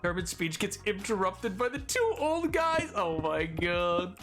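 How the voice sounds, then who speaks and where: A man streaming a game, chatting casually in an excitable, rambling way and laughing often. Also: high-pitched, measured pace, music in the background. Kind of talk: casual gameplay commentary.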